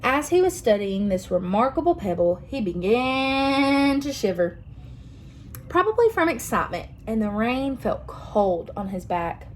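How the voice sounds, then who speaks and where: A young woman reading a picture book aloud to children, expressive and pausing to ask them questions. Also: fairly high pitch, slight background noise, low-quality recording. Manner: expressive, asks listeners questions. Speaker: children's story reader.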